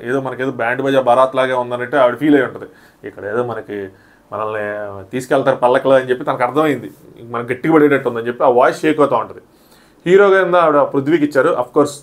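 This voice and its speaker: A man giving a quick, animated review of a reality show, acting out what the contestants said. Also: medium pitch. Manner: animated, re-enacts contestants' quotes. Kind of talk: fast recap commentary.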